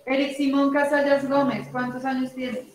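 A young woman teacher with a Colombian Spanish accent takes roll for her online class from home, using her laptop mic on a video call. Her high voice is flat and brisk as she repeats names and ages and says "listo," all in a very echoey room.

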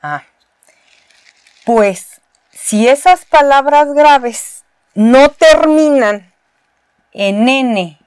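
A woman's voice: high-pitched, lively intonation, extremely slow, long pauses, a little mellow, clear, resonant tone, dry recording. A Mexican woman teaching a university spelling lesson, explaining patiently step by step and repeating key words. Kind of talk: recorded spelling lesson at a board.

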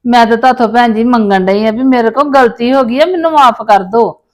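A woman with a slightly high voice speaks fairly quickly as a mother-in-law in a scripted village family drama. Pleading and full of self-pity, she apologizes in hopes of getting her grandson back.

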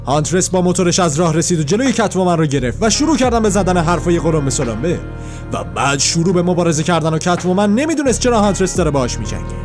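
A man with a fairly high voice retells a comic story panel by panel in a plain, steady way. Soft music runs faintly behind him. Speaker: comic book narrator.

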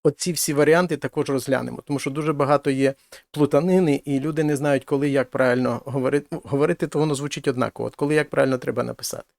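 A man's voice: mid-range voice, steady tone, very fast, gravelly, darkish tone, no echo, clean studio sound. A middle-aged man teaching a language lesson, explaining patiently and rephrasing his points. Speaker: Spanish teacher.

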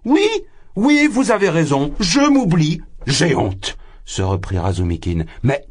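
A man reading an audiobook voices a drunk, exalted young man who rants loudly, his voice leaping high and then sinking. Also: animated, unhurried, husky, full character voice. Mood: flustered. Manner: loud, impassioned, rambling, swings high. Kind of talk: audiobook character voice.

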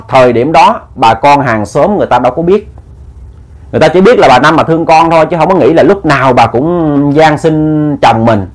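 A man telling a ghost story in a chatty way, talking to his listeners with many fillers. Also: on the high side.

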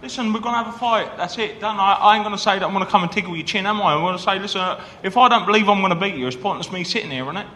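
A man's voice: high-pitched, racing, few pauses, sharp tone, slight background noise. A man, speaking as a boxer at a heated press conference, boasting and trash-talking and starting lines with "listen". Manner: boastful trash talk, keeps saying "listen". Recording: echoey hall.

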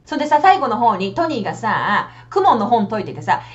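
A woman teaching English in a casual, chatty way, switching between Japanese explanation and slow, carefully spoken English examples. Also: fairly high pitch, very animated, highs cut off.

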